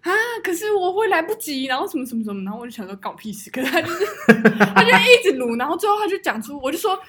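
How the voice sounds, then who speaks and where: Young woman podcast co-host, Taiwanese Mandarin accent, rapid animated storytelling in a husky voice. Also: sits high. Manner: animated storyteller, swears and laughs often. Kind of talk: casual chat.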